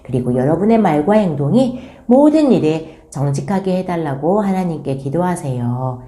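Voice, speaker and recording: A woman church school teacher giving a children's Bible lesson, gently addressing the children directly. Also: sits low, big pitch swings, moderate pace. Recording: roomy echo.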